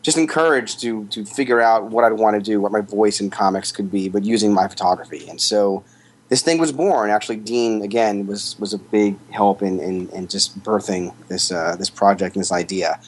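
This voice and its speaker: A man's voice: lowish voice, normal speed. A man, a photographer, answering questions in a casual interview with rambling, thoughtful explanations. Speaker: guest, photographer.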